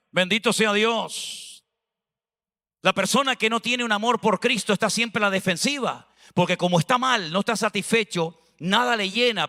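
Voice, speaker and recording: A man from Spain, a pastor preaching an animated sermon with chatty asides, recorded in a church hall. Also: sits high. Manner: animated, preaching with conversational asides and acted dialogue. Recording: long hall reverb.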